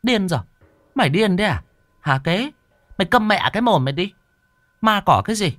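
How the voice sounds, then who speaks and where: A man voicing a shrill, hot-tempered village woman in a ghost story. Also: lively intonation, normal speed, no echo, studio quality. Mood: scolding.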